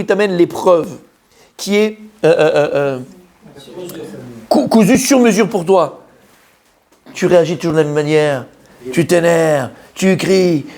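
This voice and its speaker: Un rabbin qui donne un cours de Torah en français, avec un ton vivant et direct, entremêlé de mots hébreux. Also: male voice, sits high. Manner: animated, addresses listeners directly, mixes Hebrew terms into French. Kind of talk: Torah lesson, lively sermon.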